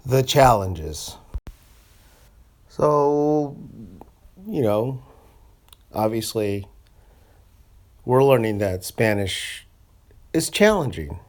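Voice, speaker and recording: A man teaching a casual lesson, talking conversationally and slowing down to drill short phrases. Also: medium pitch, sing-song. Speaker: Spanish teacher. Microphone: screencast voice recording.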